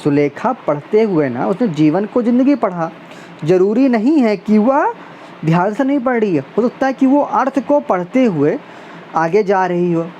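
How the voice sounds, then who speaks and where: A woman's voice: medium pitch, expressive, moderate pace, warm tone, lo-fi sound. A woman teacher reads out multiple-choice test questions and their options, then explains which answer is right, with a faint hiss behind her. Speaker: exam prep teacher. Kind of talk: reading and explaining quiz questions.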